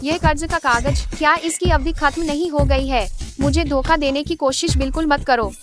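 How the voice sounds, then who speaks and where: A woman dubbing the role of an older housemaid who is deep in debt, pleading one moment and coldly scheming the next. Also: fairly even intonation, moderate pace, music in the background, close to an everyday voice. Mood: defiant. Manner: pleading, then cold and scheming. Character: scheming older maid, pleading then greedy. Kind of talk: Hindi drama dub.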